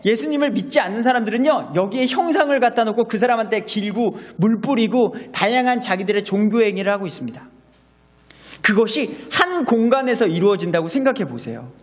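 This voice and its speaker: A man preaching a sermon as pastor, animated and acting out quoted voices. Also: sits high, long reverb tail.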